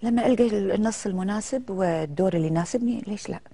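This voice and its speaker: A woman's voice: medium pitch, rapid-fire, slightly rough. A middle-aged woman, an actress guest telling stories in a casual TV interview. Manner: lively, animated storytelling with quoted dialogue.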